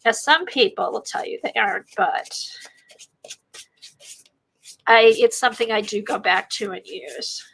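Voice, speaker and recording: Stuffed up from a sinus infection, this art livestream host casually demonstrates a craft technique while thinking out loud in a rambling way. Her medium-pitched voice is gravelly yet fairly bright, at a moderate pace, and the recording is rough.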